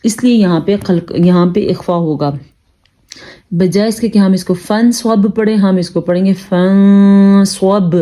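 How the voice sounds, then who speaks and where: A woman teaching Quranic reading rules, explaining briskly and then spelling out syllables slowly and deliberately. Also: on the low side. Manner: calm instructive tone, addresses listeners as "janab". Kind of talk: tajweed lesson, spelling out syllables.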